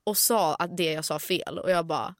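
A woman's voice: fairly low pitch, dry recording, clean studio sound. Young woman from the USA, chatty. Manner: mixes English phrases into Swedish talk. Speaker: podcast co-host. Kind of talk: casual chat.

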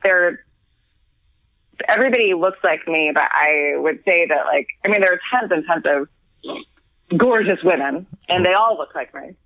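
Calling in from abroad over a tinny phone line, an American woman co-hosts a podcast in a lowish, expressive voice at normal speed with frequent pauses and no echo. She's a little tipsy, and the casual chat is rambling and giggly, full of restarts.

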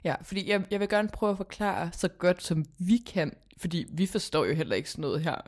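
Slightly low-voiced woman. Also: animated, a little mellow. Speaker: podcast host. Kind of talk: casual gossip chat.

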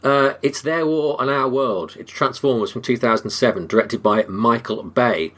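Man, podcast host, husky voice, casual chat, dry jokes, laughs easily. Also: mid-range voice, moderate pace, a bit bright.

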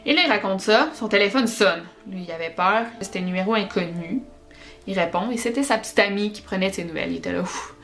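A woman with a Québécois accent, hosting a podcast and telling paranormal stories in an animated, chatty way. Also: medium pitch, fast, faint music behind. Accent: Québécois French. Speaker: podcast host.

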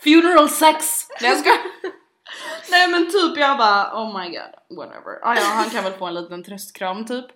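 A young woman telling funny stories in casual chat, acting out what people said and laughing often. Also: mid-range voice. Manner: animated, acts out quotes, laughs often. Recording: echoey room.

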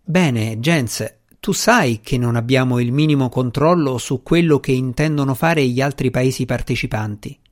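A man voicing a calm, evasive male government official who speaks in a smooth, polite, measured way. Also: medium pitch, lightly acted.

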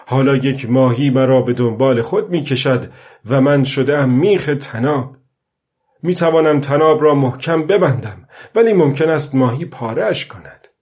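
A man's voice: medium pitch, a little mellow, close to an everyday voice. A man voicing a weary old fisherman who talks aloud to the fish and to himself, strained and pleading, in a storybook reading. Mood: worried.

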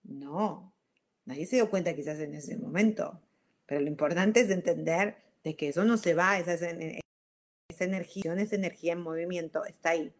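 A woman with an Argentine accent giving an animated motivational talk, acting out everyday scenes. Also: lowish voice, a little fast, a little hiss or hum. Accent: Argentine Spanish. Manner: animated, acts out everyday scenes, frequent fillers.

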